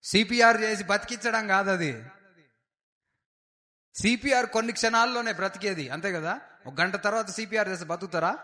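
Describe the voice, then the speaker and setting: Pastor, male, high voice, fervent sermon delivery that swells into loud declarations. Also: normal speed, long pauses. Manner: fervent preaching with frequent hallelujahs, rising to loud declarations. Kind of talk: Easter sermon.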